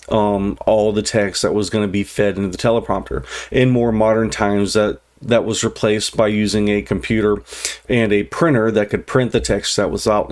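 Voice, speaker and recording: A middle-aged man giving an informal, unscripted explanatory lecture as an instructor, in a conversational way. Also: on the low side. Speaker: instructor presenting a lesson.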